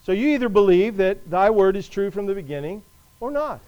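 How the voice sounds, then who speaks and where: High-voiced man preaching an emphatic sermon. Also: big pitch swings, clear, resonant tone, dull audio. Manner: emphatic, rises and drops in volume, slows to stress scripture; conversational asides to the congregation.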